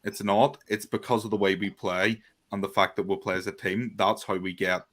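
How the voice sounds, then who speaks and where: A man from Northern Ireland, with a Northern Irish accent, gives his view as a guest on a casual podcast chat. His voice is on the low side and fairly bright, his delivery flat and a little fast. He sounds earnest and hesitant, with many restarts.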